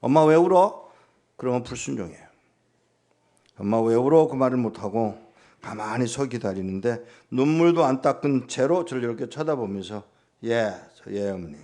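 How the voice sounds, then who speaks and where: A man's voice: medium pitch, lively intonation, moderate pace, warm tone. A man preaching as a guest pastor, telling stories and acting out dialogue with his mother in his sermon. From Korea.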